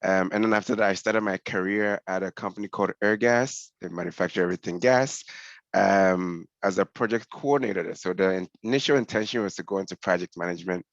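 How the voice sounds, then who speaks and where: Deep-voiced man from Ghana presenting. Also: fairly quick, gravelly, dry recording. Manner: conversational, explanatory. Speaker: senior scrum master presenting. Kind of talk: online webinar presentation. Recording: dull lo-fi call audio.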